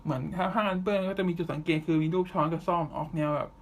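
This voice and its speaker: A man hosting a podcast, chatting casually through anime news and often pausing with drawn-out fillers. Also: sits high. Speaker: podcast host.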